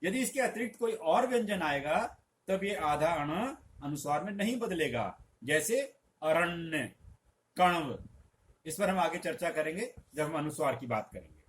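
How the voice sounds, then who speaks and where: A middle-aged male teacher explains patiently, stretching out each example sound slowly for emphasis. His voice sits a touch higher than most men's. A faint hiss of background noise runs under the lesson. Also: expressive. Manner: patient, instructive. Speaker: Hindi teacher.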